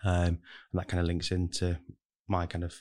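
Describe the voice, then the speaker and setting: A low, darkish male voice with a completely flat delivery at a moderate pace. He's a recruitment manager appearing as a podcast guest, talking casually in an interview, rambling and hedging heavily with "kind of" and "really" as he explains himself.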